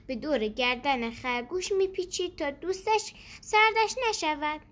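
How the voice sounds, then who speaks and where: High bright-voiced woman storyteller. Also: expressive. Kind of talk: children's story narration.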